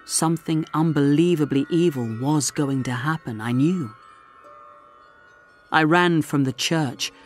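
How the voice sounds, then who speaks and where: A man narrating a story slowly and clearly for English learners. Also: fairly high pitch. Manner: slow, deliberate, clearly articulated.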